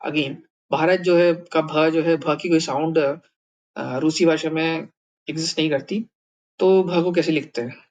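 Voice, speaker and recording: A man's voice: on the high side, steady tone, unhurried, darkish tone. A man teaching a language lesson in a casual way, thinking aloud with many fillers and repeated words.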